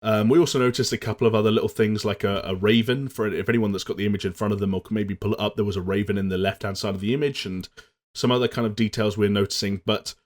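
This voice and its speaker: Fast-talking and fairly even in intonation, a young adult man with a lowish voice co-hosts a relaxed gaming podcast, speaking fluently and moving the chat along with smooth segues.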